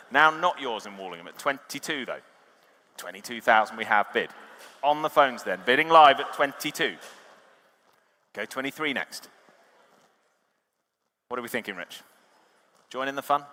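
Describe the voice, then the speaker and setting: A man's voice: medium pitch, bright, forceful tone. A man calling a live auction, chatty and joking with the bidders. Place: large reverberant auction hall. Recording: reverberant hall, amplified sound.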